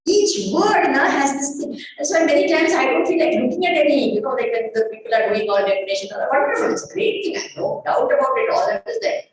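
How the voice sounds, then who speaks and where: A woman speaks in a high voice, teaching scripture emphatically and posing questions that she then answers. The sound is very echoey and picked up from a distance. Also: lively intonation, brisk, few pauses. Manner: emphatic, didactic, asks and answers own questions. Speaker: spiritual teacher. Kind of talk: spoken discourse on scripture with Sanskrit quotations. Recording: echoey room, distant mic, faint noise.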